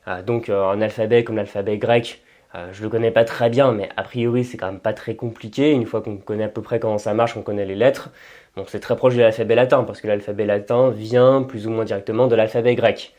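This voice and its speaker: In a lowish, slightly mellow voice that stays steady and moves a little fast, a man explains informally on his language-learning channel. He's a native French speaker who thinks aloud, hesitating and restarting a lot.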